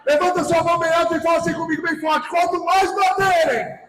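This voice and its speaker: A Brazilian man preaching a sermon in a church, fervently shouting and leading the congregation in repeated declarations. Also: very high voice, fairly even intonation, fairly quick, a faint crowd, slight background noise, low-quality recording. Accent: Brazilian Portuguese. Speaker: pastor. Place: large church sanctuary.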